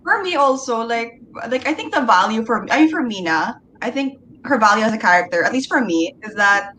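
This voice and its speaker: A woman's voice: a little high, expressive, a little fast, pushed and bright, rough recording. A woman chatting casually at a book club in an emphatic, opinionated way. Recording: faint background noise.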